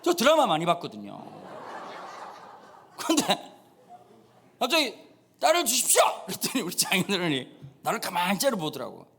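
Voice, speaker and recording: In a church sanctuary, a man in his thirties serving as pastor gives a funny sermon full of animated stories, acting out each line of dialogue. His voice sits high and creaky, at a moderate pace with frequent pauses. Slight background noise can be heard.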